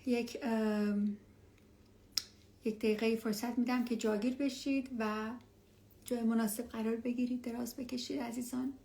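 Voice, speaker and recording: A woman leading a guided relaxation meditation as an instructor, speaking softly and soothingly, often near a whisper, with unhurried pauses. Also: a little high, steady tone, vocal fry, slight background noise. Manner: unhurried, with long pauses between phrases.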